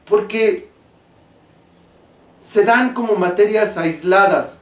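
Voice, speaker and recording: A man with a Mexican accent, an acting teacher explaining stage diction slowly and deliberately. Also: high-pitched. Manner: slow, deliberate, carefully articulated explanation. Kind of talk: spoken lesson on stage diction. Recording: roomy, from a distance.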